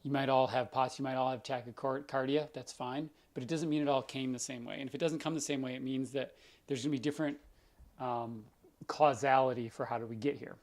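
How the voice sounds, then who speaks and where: On a live question-and-answer stream, a male doctor explains things informally, reaching for plenty of everyday examples. His scratchy voice sits in the mid-range, with fairly even intonation and a fairly quick pace.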